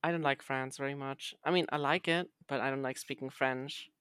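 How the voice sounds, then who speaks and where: A woman's voice: extremely low pitch, fairly even intonation, a little fast, fairly bright tone, clean tone, no echo. A woman talks in an informal, conversational podcast style. She is playful and teases dryly. The recording is dry and close, with hardly any room around the voice. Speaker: podcast co-host. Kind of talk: casual chat.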